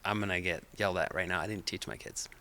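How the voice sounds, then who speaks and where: A middle-aged man from Finland, a podcast guest whose first language is Finnish, chatting in a relaxed, hesitant way with many fillers. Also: deep voice, fast talker. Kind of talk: casual interview chat.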